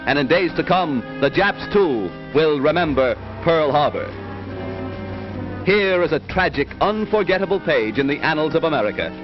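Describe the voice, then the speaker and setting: Newsreel announcer, male, rousing declamatory read, fairly high voice, dull old film sound with music under it. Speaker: newsreel narrator. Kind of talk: dramatic 1940s newsreel narration.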